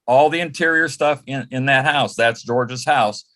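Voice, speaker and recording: Sharp in tone and mid-range in pitch, this man talks at normal speed as an interview guest who once worked as an entertainer's personal assistant. Reminiscing in a relaxed way, he shares stories and frequently quotes what people said.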